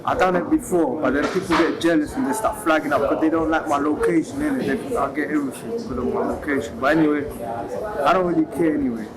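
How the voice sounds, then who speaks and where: A man's voice: on the high side, quick pace, loud music behind the voice, poor audio. A man chatting casually in a rambling, slangy way, recorded covertly. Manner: rambling, slangy, repeated 'innit' tags. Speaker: landlord. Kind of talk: casual chat, secretly recorded. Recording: busy crowd noise, hidden microphone.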